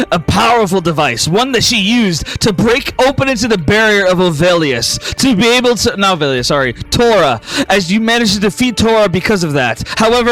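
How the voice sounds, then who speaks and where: A man's voice: high voice, a bit bright, poor audio. A man running a tabletop game as game master, narrating dramatically and repeating phrases for emphasis.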